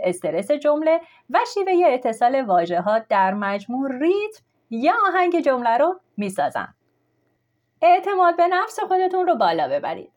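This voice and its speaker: A woman reading a scripted language lesson, explaining with clear, steady delivery. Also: high voice. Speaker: language teacher.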